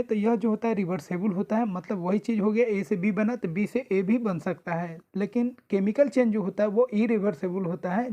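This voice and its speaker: A woman's voice: medium pitch, mellow. A woman explaining a lesson step by step in a recorded lecture. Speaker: teacher.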